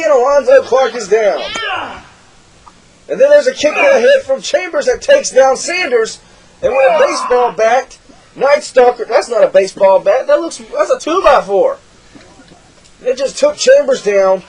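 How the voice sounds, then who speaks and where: A man calling a wrestling match play-by-play, excitable and shouting at big moves, losing his voice. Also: extremely high pitch, low-quality recording. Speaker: wrestling commentator.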